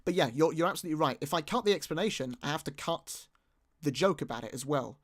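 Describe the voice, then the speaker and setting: Speaking quickly and with lots of animation, this British man has a fairly high voice. He's a YouTuber commenting loosely on his own footage as he watches it back, frequently starting his sentences over and joking at his own expense.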